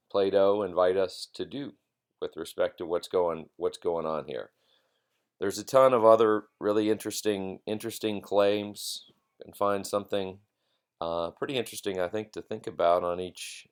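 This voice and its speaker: Deep-voiced man giving a reflective lecture. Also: fairly even intonation, clear, resonant tone. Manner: halting, reflective, repeats phrases for emphasis. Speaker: philosophy lecturer. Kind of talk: informal recorded lecture.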